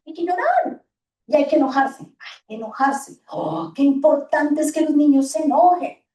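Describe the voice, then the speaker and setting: Animated woman speaking in an echoey hall. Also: high voice, moderate pace. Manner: lively, animated, acts out children's and parents' lines. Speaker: school talk speaker for parents. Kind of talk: parenting talk to an audience. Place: hall or gym. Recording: echoey room, voice from far off.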